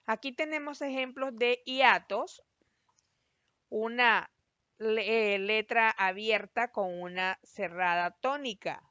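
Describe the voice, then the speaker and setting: A woman's voice: fairly high pitch, pushed and bright, no room sound. Patient woman teacher explaining a lesson. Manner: patient, explanatory, spells out syllables slowly. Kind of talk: recorded online class lesson. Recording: dry, slightly dull lo-fi voice-over.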